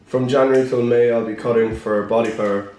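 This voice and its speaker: A young man chatting casually as a fitness vlogger, his voice hoarse and worn, chuckling between answers. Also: medium pitch, fairly even intonation, fairly quick, dark tone, a little hiss or hum. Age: young adult. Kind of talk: casual chat. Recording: echoey room with music behind.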